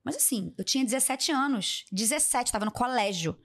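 A woman's voice: a little high, a little fast. A young woman, a podcast guest telling a personal story and acting out the people in it. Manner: animated, acts out the people in her story. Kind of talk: casual storytelling in an interview.

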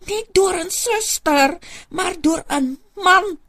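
A woman's voice: very high-pitched, slow, a bit bright, voice pushed up, heavily acted. A woman voicing a bashful, upset woman in a hospital bed, speaking in a whiny, plaintive way.

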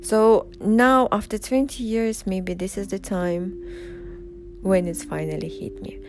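Her husky, mid-range voice stays steady as this Uzbek vlogger in her 40s, a native Russian speaker, unhurriedly recounts personal stories with many pauses. Background music and general noise fill the recording.

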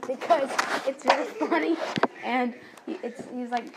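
A woman's voice: sits high, unhurried. A young girl chatting on a home podcast, talking in loose trailing sentences. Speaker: podcast co-host. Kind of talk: casual chat. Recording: loud background noise.

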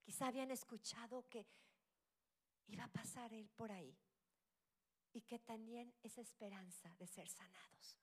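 A middle-aged woman with a fairly high voice preaches a sermon. Her delivery swings between loud cries and hushed, whispered asides.

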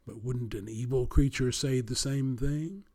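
A man doing a deep old whale. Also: warm tone, lightly acted. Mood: stern. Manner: slow, booming, rumbling delivery. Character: old deep-voiced male whale, gruff and wary.

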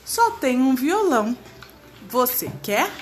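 A woman's voice: sits high, big pitch swings, measured pace, a little hiss or hum, voice pushed up. A woman voicing a tired, worried old farmer in a storybook read-aloud. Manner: weary, worried.

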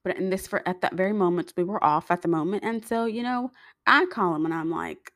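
A woman's voice: fairly low pitch, fairly quick, fairly bright tone, dry recording, clean studio sound. A young woman, chatting straight to her viewers in a storytime vlog, full of fillers and asides. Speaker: vlogger.

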